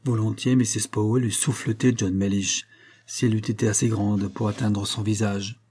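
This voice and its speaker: A man narrating a novel as an audiobook in a measured, even reading manner. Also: lowish voice, husky.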